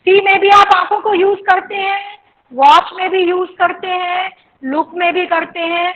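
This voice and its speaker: A woman's voice: very high voice, fairly even intonation, measured pace, phone-quality sound. An Indian woman teacher giving a lecture on English pronunciation, drilling example words and checking that students follow.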